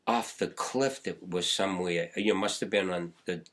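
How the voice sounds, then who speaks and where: An older man talks in a fairly low voice. He rambles through his memories in an easy, conversational way, often chuckling. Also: normal speed, fairly bright tone. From Boston, USA. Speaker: guest poet. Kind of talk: casual interview chat.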